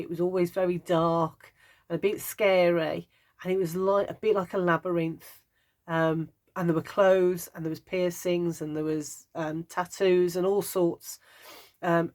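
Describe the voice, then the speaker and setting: Brummie lady in her 50s, bit low voiced, rambly and wry, just chatting to camera. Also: a little mellow. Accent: Birmingham (Brummie). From Birmingham, England. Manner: chatty, meandering, wry humour. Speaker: craft vlogger. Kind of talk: casual chat.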